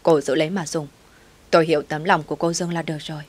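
A woman's voice: sits low, fairly even intonation, fast talker. A woman reading the lines of an older, kindly housekeeper who speaks humbly and with care. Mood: caring. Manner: humble, caring.

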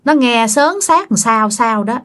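A woman's voice: a little high, lively intonation, a little slow, fairly bright tone. A woman with a Southern Vietnamese accent telling a ghost story in a loose, chatty way, often speaking straight to her listeners. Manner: chatty, addresses listeners directly, many fillers. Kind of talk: casual spoken ghost story.

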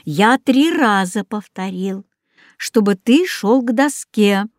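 Brief: strict ironic schoolteacher, read by a woman, slow and formal. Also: mid-range voice, animated, no echo. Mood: stern. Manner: dry, ironic formal address. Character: stern sarcastic male math teacher.

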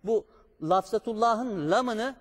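Slow, high-voiced man teaching recitation. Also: animated, in a large hall. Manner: slow, patient, drawn-out chanted recitation of examples. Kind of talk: step-by-step pronunciation lesson.

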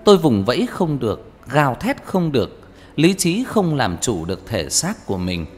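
A man narrates a horror story in an expressive, dramatic audiobook style, with reverb and background music. His voice is medium-pitched at a moderate pace.

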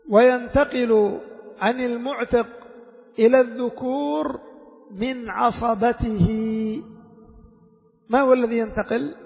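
A man teaching jurisprudence as a sheikh, unhurried, repeating each key phrase and quizzing his listeners. His voice sits very high and carries a gravelly fry. The recording is dull and muffled, with a long reverb. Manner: explains slowly, repeating key phrases and asking the class questions. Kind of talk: classroom lesson explaining a legal text. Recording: dull, echoey hall recording.

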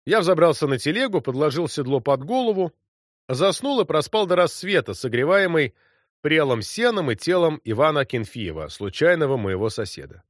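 A man reading a literary story as an audiobook, in an expressive narrating voice. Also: fairly high pitch, moderate pace, no echo, studio quality.

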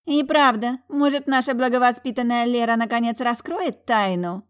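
A scornful young noble twin sister, voiced by a woman reader in a storybook reading. She sneers and snorts in a high, loud voice. Her gossip comes out sharp and spiteful. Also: fairly even intonation, moderate pace, clear, resonant tone, natural voice.

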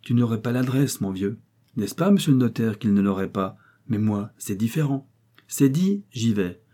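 A man voicing a sly, cheerful seventy-year-old miller who talks in a lively, mocking way. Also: fairly low pitch, moderate pace.

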